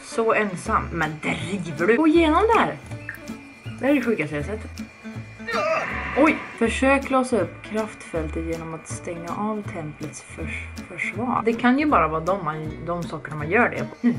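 A young woman giving casual let's-play commentary, chatty and excitable, swearing often and reading game text aloud. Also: lowish voice. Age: young adult. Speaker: gaming video creator. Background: background music.

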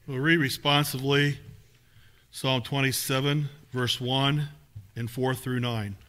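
A man reading scripture aloud in a steady, measured way during a church service in a small sanctuary, picked up by a far camera. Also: medium pitch. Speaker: lay reader.

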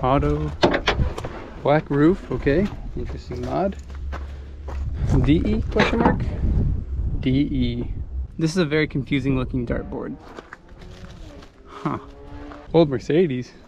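Young Midwestern man, offhand running commentary, filmed on an action cam outdoors, clear background noise. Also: a little high, takes it slowly, long pauses, muffled recording. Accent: American Midwest. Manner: offhand, muttering car names to himself. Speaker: car vlogger. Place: outdoor junkyard, later inside a car. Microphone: handheld action camera.

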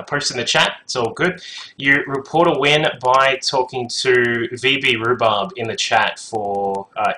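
A man's voice: medium pitch, bright, forceful tone, poor audio. A man casting a strategy game match alone from his home computer, chatting casually with many fillers and asides to the chat. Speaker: game caster. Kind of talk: solo esports commentary.

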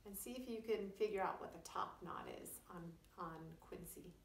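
Speaking at a normal speed in a lowish voice, a middle-aged woman who teaches preschool reads a story aloud and puts it in simple terms for little ones. A camera microphone a few feet off in a small wood-panelled room gives a roomy, distant sound with a little hiss or hum.

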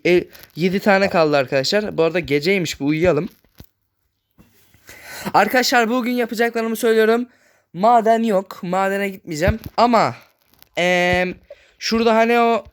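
A man hosting a gaming channel, chatting casually through his gameplay, speaking a bit loudly on purpose and constantly addressing his viewers as friends. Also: high voice. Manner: talks loudly on purpose so the voice carries.

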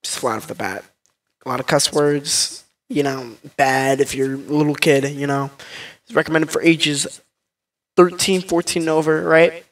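A man's voice: on the high side, fairly even intonation, moderate pace, distant mic. A man hosting a video of prank calls, talking casually with many filler words and brash, rambling complaints.

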